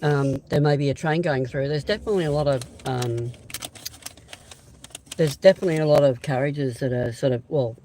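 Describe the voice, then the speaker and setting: An Australian man hosting a casual live-stream chat outdoors beside a railway siding, rambling and hesitant with lots of pauses and restarts. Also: mid-range voice, mellow, slight background noise, low-quality recording. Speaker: channel host.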